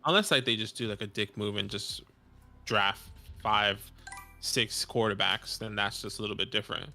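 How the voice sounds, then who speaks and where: A laid-back man in his late twenties chatting on a casual live stream, with a bright, forward tone. A faint bed of music plays under his voice. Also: on the low side, normal speed. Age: 20s. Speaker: co-host. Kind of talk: casual livestream chat.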